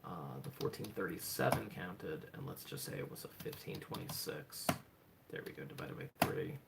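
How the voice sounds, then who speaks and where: A man livestreaming from home, chatting excitedly to himself as he goes, with lots of "hold on" and "oh my gosh". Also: deep voice, normal speed, creaky, heavy background noise. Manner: excitable, thinks aloud, repeats "hold on" and "oh my gosh". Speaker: livestreaming speedcuber. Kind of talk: casual livestream self-talk.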